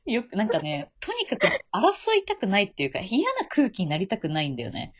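A woman's voice: mid-range voice, wildly swooping pitch, a little fast, noisy background. A young woman co-hosting a podcast, talking casually with a friend in emphatic, informal slang. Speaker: podcast co-host. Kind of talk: casual chat between friends. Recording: dull, lo-fi sound.

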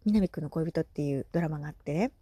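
A woman in her thirties chatting casually on her solo podcast, animated and laughing often, with soft asides. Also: sits low, fast, husky, no room sound, studio quality. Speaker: podcast host.

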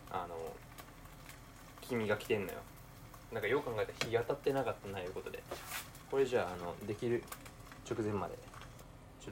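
Excitable young Kansai man, low voice. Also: a little hiss or hum. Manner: talks to himself, alternating mumbling with excited outbursts. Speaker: podcaster. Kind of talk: casual solo talk while cooking.

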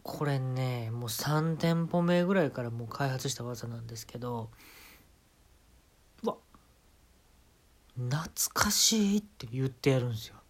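A man's voice: mid-range voice, fairly even intonation, fairly quick, few pauses, a little mellow. A man with a Kansai Japanese accent hosting a podcast, telling an absurd comic story and giving mock-serious instructions in a casual monologue. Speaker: podcast host.

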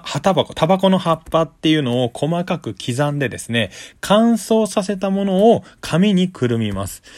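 A man's voice: fairly high pitch, dry recording. A man giving a casual, polite explanatory monologue as a solo host, going step by step in simple terms. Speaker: solo talk show host.

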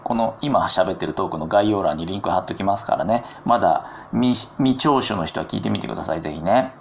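A man's voice: low-pitched, fairly quick, vocal fry, a little hiss or hum. A man hosting his own solo talk show, chatty and self-mocking, with jokey asides. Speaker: podcast host.

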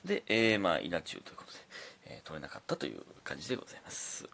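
Laid-back Kansai man, lively low voice. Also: very fast, creaky, slight background noise. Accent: Kansai Japanese. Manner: laid-back, rambling storytelling. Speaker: comedian podcast host. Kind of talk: casual solo talk show.

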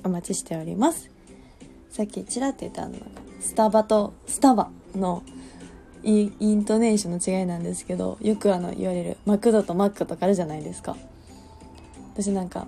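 A woman in her twenties chats through her solo radio show with a Kansai accent. Her voice is mellow and warm, and she is easygoing and quick to poke fun at herself. Faint music plays softly behind her. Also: mid-range voice, gravelly. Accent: Kansai Japanese. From Kansai, Japan. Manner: chatty, self-deprecating, laughs often. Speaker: podcast host. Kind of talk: casual solo radio talk.

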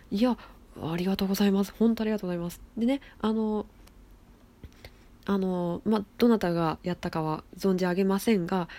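A woman talks alone into her phone for her own casual show. She is bubbly and excitable, giggling and gushing as she chats, in an everyday voice of middling pitch. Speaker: solo talk show host. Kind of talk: casual solo talk. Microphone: phone app recording.

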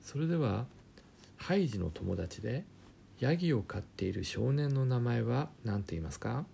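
A man teaching German pronunciation in a chatty, joking way, often dropping to a quiet aside. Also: medium pitch, sing-song, moderate pace, gravelly, a little hiss or hum. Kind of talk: casual spoken lesson with jokes.

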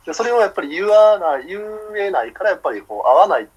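A man's voice: high-pitched, sing-song, racing, slightly rough. A man with a Kansai accent co-hosting a casual, comic radio chat, talking with a sore, swollen face after having wisdom teeth out. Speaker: radio talk show co-host. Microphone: remote call recording.

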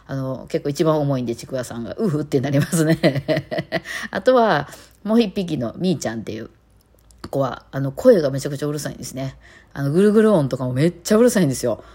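A woman's voice: rumbling low, a little mellow. A woman with an Osaka accent chatting on her own podcast, rambling with lots of fillers and laughing now and then. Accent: Kansai (Osaka). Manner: chatty, playful imitations of her cats. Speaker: podcast host. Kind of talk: casual solo talk.

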